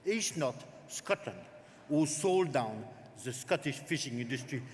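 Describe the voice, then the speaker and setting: A man from France, a native French speaker, with a French accent, giving a lively, jokey political speech at a party conference. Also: medium pitch, unhurried. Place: large conference hall. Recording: reverberant hall, faint noise.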